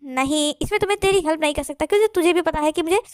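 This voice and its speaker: A young actor answers his friend calmly and with dry teasing, as a woman voices him. His voice sits high and moves quickly, recorded close and dry. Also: no room sound, natural voice. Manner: calm, teasing.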